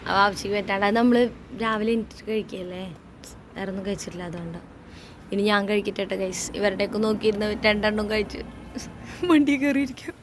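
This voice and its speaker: A woman's voice: medium pitch, fast talker. A young woman chatting casually to her travel vlog viewers, mixing in occasional English words. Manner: addresses viewers often, informal, mixes in occasional English words. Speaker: family travel vlogger. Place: in a car and outdoors on a road trip. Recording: noisy vehicle and outdoor ambience.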